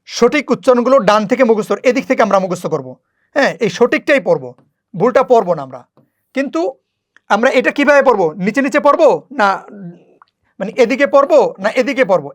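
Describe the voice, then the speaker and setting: Patient teacher for a beginner lesson, clear and repetitive. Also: mid-range voice. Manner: patient, repeats rules slowly. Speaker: Quran reading teacher. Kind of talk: step-by-step lesson.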